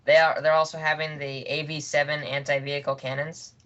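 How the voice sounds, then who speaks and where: A man's voice: fairly high pitch, level tone, brisk, a bit bright. A man co-hosting a podcast, casually sharing news about upcoming toy sets in an easygoing, good-humored way. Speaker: podcast co-host. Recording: dull lo-fi podcast recording.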